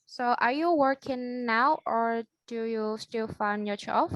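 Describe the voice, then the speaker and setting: A woman's voice: on the high side, slow, muffled recording, a little hiss or hum. Woman interviewing. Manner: reads prepared questions politely. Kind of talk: classroom English speaking exercise, scripted interview.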